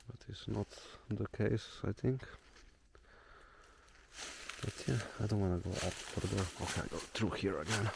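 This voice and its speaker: A young man with a Slovenian accent and a low, deep voice chats in a relaxed, rambling way as he hikes alone. He is recorded outdoors in a forest. Clear outdoor nature ambience sits behind his voice. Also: background noise. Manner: relaxed, thinking aloud while hiking. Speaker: solo traveler vlogger. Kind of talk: casual walking vlog.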